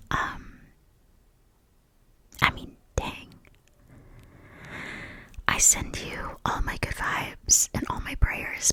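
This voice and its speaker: Whispering young American woman, ASMR ramble. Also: sharp tone. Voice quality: breathy whisper. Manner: rambling, repeats words slowly. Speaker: ASMR creator. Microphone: close mic for cupped whispering.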